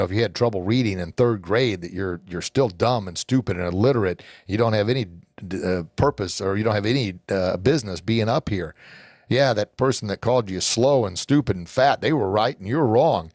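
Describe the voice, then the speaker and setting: Middle-aged male podcast host, low voice, earnest and rambling, dry close sound. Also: darkish tone, no room sound. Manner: earnest, rambling, repeats words when starting sentences. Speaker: podcast host and hockey coach. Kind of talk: motivational podcast monologue.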